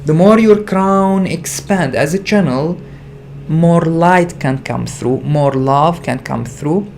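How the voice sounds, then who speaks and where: Soft music plays behind a man livestreaming as a spiritual teacher, who speaks without a script in an earnest way, circling back to rephrase his ideas amid frequent hesitations. His voice is fairly high with vocal fry and a darkish tone, and he speaks at a slow pace.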